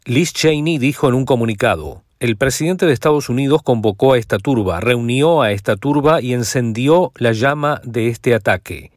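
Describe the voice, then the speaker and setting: A man reading a scripted AM radio news report in a formal, measured manner. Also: mid-range voice, no echo, studio quality. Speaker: news correspondent.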